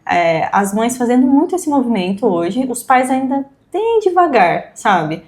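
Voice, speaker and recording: A woman's voice: on the high side, sing-song, a little slow, darkish tone. Earnest Brazilian woman explaining at length. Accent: Brazilian Portuguese. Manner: earnest, explains at length and acts out quoted speech. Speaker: podcast host and mother. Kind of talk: casual conversation.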